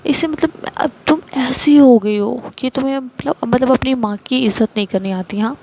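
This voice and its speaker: A woman's voice: medium pitch, steady tone, darkish tone, slight background noise, close to an everyday voice. A woman voicing a strict, angry middle-aged mother who scolds and lectures her daughter. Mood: indignant.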